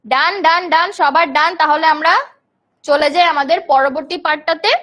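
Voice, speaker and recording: Young woman teacher from bangladesh, high voice, live online class, answers the chat between points. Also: steady tone, moderate pace, pushed and bright. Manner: explains terms and answers chat questions, addressing students as apu.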